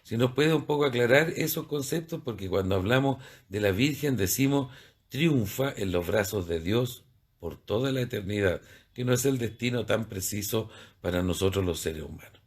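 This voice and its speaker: Priest running a church show, low voice, teacherly, greets folks watching. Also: male voice, animated, normal speed, husky. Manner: explanatory, spells out terms, asks rhetorical questions. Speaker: priest hosting a church program.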